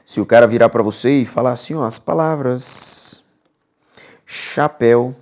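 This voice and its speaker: Man, Brazilian accent, grammar teacher, exam-prep lesson, lively, coaxing, repeats himself. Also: mid-range voice, unhurried. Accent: Brazilian Portuguese. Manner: lively, coaxing, repeats key words, checks in with "beleza?".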